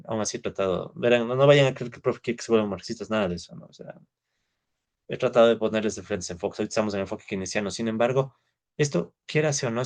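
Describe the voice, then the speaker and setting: A man's voice: fairly low pitch, gravelly. A man from Ecuador, giving an informal university economics lecture. He talks conversationally, thinks aloud, and keeps checking in with his students with short tag questions.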